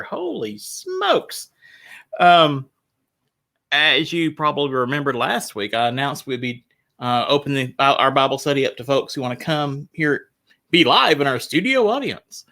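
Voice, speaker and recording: A man's voice: mid-range voice, sharp tone. A pastor talking casually to his livestream Bible study from a small church room, rambling a little with restarts. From United States. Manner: chatty and rambling, with restarts and laughs.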